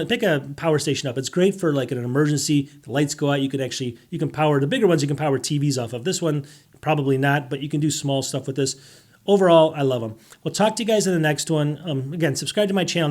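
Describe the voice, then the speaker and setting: Guy rattling off tech deals super fast, kinda high voice, keeps cutting himself off, voice going a bit hoarse. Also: a little mellow. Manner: rambling, self-interrupting, asks rhetorical questions. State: losing his voice. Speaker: tech deals video host. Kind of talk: casual tech deals walkthrough.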